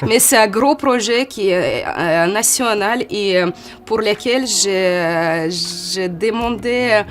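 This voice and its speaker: A woman in her forties from Ukraine with a Ukrainian accent, a model answering interview questions in a halting way, often restarting. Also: mid-range voice. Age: 40s. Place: photo studio.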